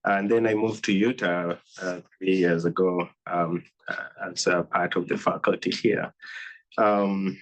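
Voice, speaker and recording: A man with a Kenyan accent speaks in a very low, fairly even voice, hoarse from a cold. He introduces himself to an audience as a doctor, pausing often as he goes. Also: poor audio. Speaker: oncology physician and faculty speaker. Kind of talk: informal self-introduction to an audience.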